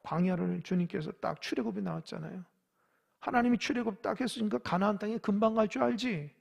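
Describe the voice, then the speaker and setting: A male pastor preaching a sermon, swinging from loud urging to hushed whispers and asking the congregation questions. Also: high voice, fast talker, creaky, husky. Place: church sanctuary.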